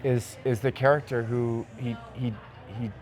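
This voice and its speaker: A man's voice: medium pitch, level tone, unhurried, darkish tone. Casual, enthusiastic male podcast host.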